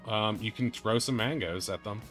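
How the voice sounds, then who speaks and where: A man running a tabletop role-playing game online, chatty and quick to laugh, often restarting his sentences. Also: fairly low pitch, music in the background. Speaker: game master.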